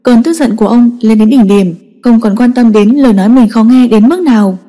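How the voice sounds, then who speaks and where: A woman narrating a dramatic story in a steady, emotive reading. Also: fairly high pitch, brisk. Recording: long echoing reverb.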